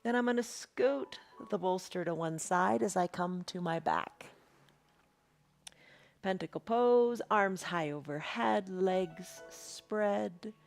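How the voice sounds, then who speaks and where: A woman leading a guided restorative yoga class in a soothing, unhurried, encouraging way. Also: mid-range voice, creaky, faint music behind. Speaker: yoga instructor.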